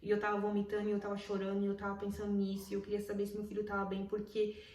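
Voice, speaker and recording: A woman's voice: medium pitch, monotone, racing, a little mellow. A young Brazilian woman with a Brazilian Portuguese accent, telling a personal story to camera in a casual, emotional way and repeating words for emphasis. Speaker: vlogger. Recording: roomy echo, mic at a distance.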